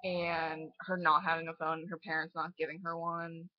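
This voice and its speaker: A woman's voice: low voice, monotone, moderate pace, dull audio. A young woman in her late teens giving a casual, profane, exasperated movie review and laughing often.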